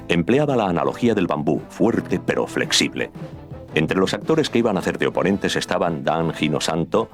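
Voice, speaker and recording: A male narrator with an exceptionally deep, low voice reads a documentary script in a measured, steady way. Music plays clearly underneath him throughout.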